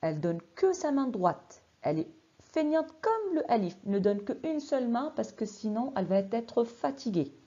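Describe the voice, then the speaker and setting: Slow, lively-pitched woman teaching children. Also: muffled recording. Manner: slow, syllable-by-syllable drilling with exaggerated sounds; encouraging, quizzing the class. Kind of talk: dictation lesson for children.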